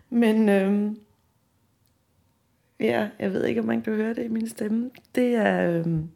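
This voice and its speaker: A woman's voice: a little high, fairly even intonation, gravelly, dark tone. A middle-aged woman from Denmark hosting a personal audio diary, hesitant and self-deprecating, with many fillers, recorded on a handheld mic that pops. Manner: slow, reflective voice-over narration. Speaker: podcast host. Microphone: handheld mic that pops on P sounds.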